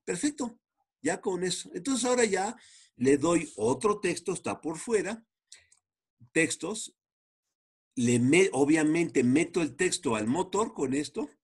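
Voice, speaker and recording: A man, chatting his way through a coding demo as an instructor, animated and full of restarts. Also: high voice, a little slow, slightly rough. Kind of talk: casual screen-share coding walkthrough.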